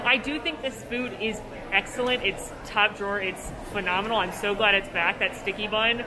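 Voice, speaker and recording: A young adult woman, a food and theme park vlogger, gushes upbeat and chatty through a casual review and food tour inside a large buffet restaurant. Her voice is medium-pitched at a normal speed, with busy crowd chatter filling the background.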